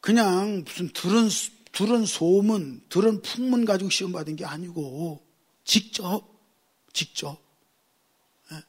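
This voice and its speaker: High, husky-voiced male preacher. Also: a little slow. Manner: humorous storytelling preacher, emphatic repetition. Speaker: pastor. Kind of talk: sermon.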